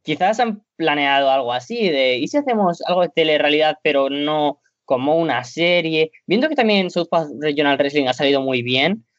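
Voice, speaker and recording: A man's voice: on the high side, expressive, normal speed, hardly any pauses, no echo, muffled recording. Ranting man with a Spain Spanish accent. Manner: rambling, grows into an exasperated rant. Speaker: wrestling podcast co-host. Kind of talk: casual opinion chat.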